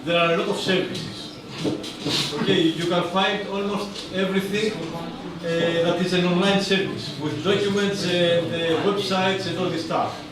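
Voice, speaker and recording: A man from Greece, a career coach speaking to a group in a halting way, often restarting his phrases. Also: sits high, steady tone. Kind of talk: workshop talk to a group. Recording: very echoey room from a distance, noise behind.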